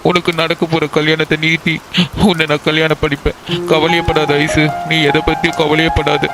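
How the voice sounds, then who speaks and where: A man's voice: fairly high pitch, monotone, normal speed, natural voice, poor audio. A man voicing a devoted young man in a cartoon love story, earnest and reassuring. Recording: loud background music over dialogue.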